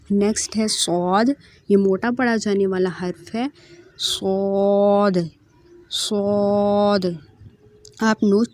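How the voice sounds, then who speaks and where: A woman's voice: mid-range voice, dry recording. A patient woman teaching letter sounds. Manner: repeats each letter several times in a drawn-out voice, then explains calmly. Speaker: Quran reading teacher. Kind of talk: slow letter-by-letter pronunciation lesson.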